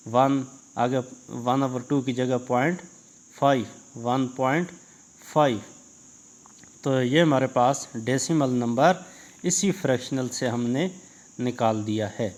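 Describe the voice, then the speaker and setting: A man explaining a basic maths lesson step by step to his viewers, patient and repetitive. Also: mid-range voice. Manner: patient, repeats "dear viewers" to start each step. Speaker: maths teacher.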